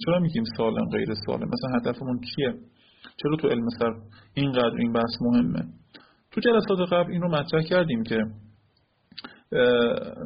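A man's voice: mid-range voice, creaky, breathy edge. A man teaching a classroom lecture, explaining step by step and often checking whether his listeners follow. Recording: lo-fi recording with faint noise.

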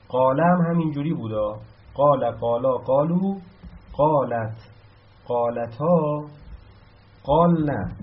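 A man teaching a grammar lesson, explaining step by step and chanting verb forms in a row. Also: mid-range voice. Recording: dull lo-fi sound.

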